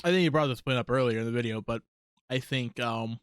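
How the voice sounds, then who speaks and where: A man's voice: medium pitch, a little fast, clear, resonant tone, no room sound. A man streaming live while he works on art, talking casually and rambling as he thinks aloud, with lots of ums and likes.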